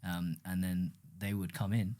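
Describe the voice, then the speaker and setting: Co-host, man, 30s, low mellow voice, quick relaxed delivery, casual chat. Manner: quick, laid-back, peppered with "like" and "right". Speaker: podcast co-host.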